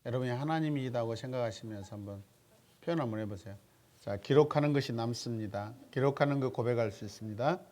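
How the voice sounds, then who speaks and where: A man's voice: medium pitch, quick pace, a little mellow. A man leading a church Bible study seminar as pastor. He asks his listeners questions and repeats their answers back to them. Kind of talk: interactive Bible study teaching.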